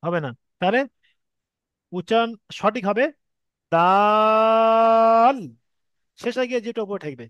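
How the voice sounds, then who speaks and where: In a dry, dull-sounding recording, a man with a Bengali accent leads an online Quran reading lesson on Arabic letters. His voice sits high with lively intonation and a fairly quick pace, broken by long pauses, as he patiently explains step by step and stretches sounds to demonstrate.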